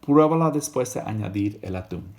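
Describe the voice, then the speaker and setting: Casual man teaching Spanish lessons. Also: lively intonation. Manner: explains slowly, models Spanish phrases in a louder, higher voice.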